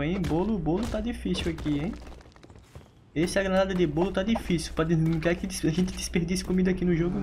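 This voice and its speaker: Chatty Brazilian gamer with a high voice. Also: male voice, background noise. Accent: Brazilian Portuguese. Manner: rambling, playful, talks to himself while playing. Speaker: gaming youtuber. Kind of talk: casual gameplay commentary.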